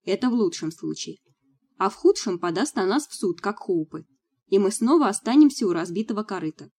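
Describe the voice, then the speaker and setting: A woman's voice: medium pitch, animated, fairly quick, a little mellow, lightly acted. A woman reading an audiobook, voicing a cautious young man who raises doubts in a reasoning, worried way.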